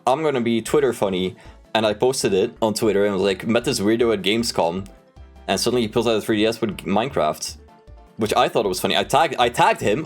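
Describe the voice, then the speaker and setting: Young male streamer, lowish pitch, casual and sweary storyteller, music playing behind him. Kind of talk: casual livestream chat. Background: background music.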